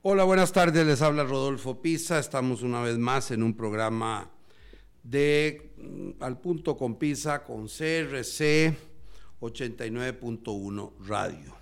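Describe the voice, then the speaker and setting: Slow, gravelly Costa Rican radio host. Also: male voice, mid-range voice, lively intonation. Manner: slow, deliberate, with frequent hesitations. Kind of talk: radio interview.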